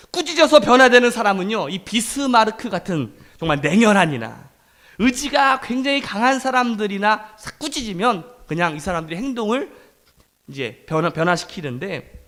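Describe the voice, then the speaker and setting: A middle-aged male pastor giving a sermon in a lively, conversational way, acting out quoted lines. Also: sits high.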